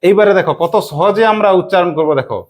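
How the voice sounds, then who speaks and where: A woman teacher with a fairly low voice leads young pupils through a spelling lesson. She drills them with call-and-response and keeps firing quick check questions at the children.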